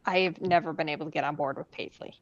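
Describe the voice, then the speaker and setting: A woman's voice: low-pitched, steady tone, fast talker, no echo, lo-fi sound. A woman on a video call in a casual sewing chat, making frank, matter-of-fact remarks.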